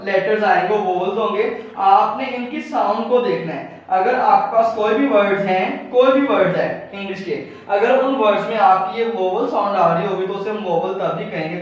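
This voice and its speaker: Male English teacher, fairly high voice, patient and repetitive, spells words out; booming room echo, mic set well back. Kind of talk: recorded video lecture. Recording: very echoey room, distant mic, dull sound.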